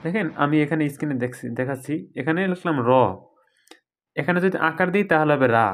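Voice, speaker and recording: A slightly high-voiced man gives a recorded lesson on how to read the Quran. Patient in his explanations, he elongates each letter sound slowly by way of example.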